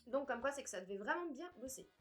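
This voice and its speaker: A woman's voice: high-pitched, quick pace. Chatty, swearing young French woman vlogger. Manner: chatty, frank and expressive, swears casually. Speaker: fitness and weight-loss vlogger. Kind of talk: casual vlog talk to camera.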